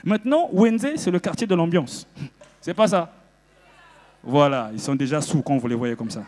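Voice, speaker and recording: High-voiced Congolese stand-up comedian. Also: male voice, normal speed, long reverb tail. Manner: animated, jumps into loud shouted character bits. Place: festival stage before a live audience.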